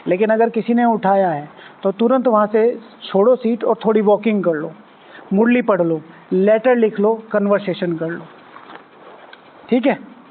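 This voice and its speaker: High-voiced man teaching a spiritual class. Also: unhurried. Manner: conversational, asks the audience, acts out little quoted scenes. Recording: tinny phone-like sound.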